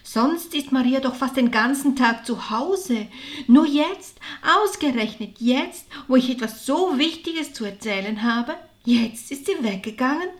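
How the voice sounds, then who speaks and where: A woman voicing Martha, an excitable village woman bursting with news, in a storybook reading. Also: on the high side, moderate pace, natural voice. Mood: excited.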